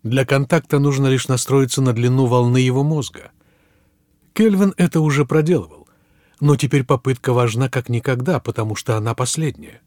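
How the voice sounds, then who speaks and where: A man narrates an audiobook at a measured pace, letting his voice sink low at the ends of phrases. His pitch sits in the middle for a man. The recording is close and dry, with no room sound. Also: darkish tone, no echo. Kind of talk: scripted narration.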